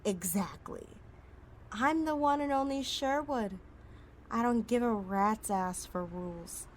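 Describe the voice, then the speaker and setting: A woman with a fairly high voice speaks slowly over slight background noise, playing a cocky, wisecracking outlaw thief in an ASMR roleplay audio drama. Her delivery is sassy, sarcastic and foul-mouthed, with a sulky, teasing mood.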